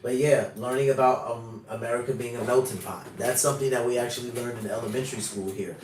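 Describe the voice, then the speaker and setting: A man's voice: medium pitch, steady tone, fast. A man hosting a casual reaction commentary, rambling and leaning heavily on "like" and "literally.". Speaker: reaction channel host. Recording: roomy echo, mic at a distance, faint noise.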